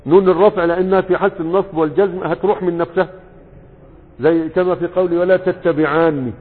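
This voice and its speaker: A man with an Egyptian Arabic accent gives a lesson on grammar, and his voice sits slightly high with some husk in it. He quizzes the listeners and then answers his own questions, lingering over each example word. The recording is tinny and narrow, and long reverb rings behind him as if in a large hall. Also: flat delivery, husky. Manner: asks questions and answers them himself, drawls example words slowly. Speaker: sheikh teaching Arabic morphology. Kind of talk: classroom lesson. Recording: phone-like sound with long reverb.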